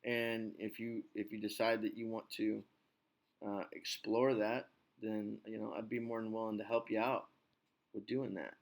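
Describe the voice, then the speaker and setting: A man hosting his podcast as an English teacher, talking in a relaxed, reassuring, rambling way. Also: on the low side, moderate pace, gravelly. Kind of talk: casual chat.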